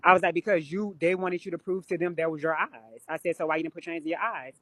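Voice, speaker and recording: On a live stream captured by phone or webcam, a woman tells blunt, profanity-heavy stories in casual chat. Her voice is low, steady, and a bit bright, she talks quickly, and there's no room sound.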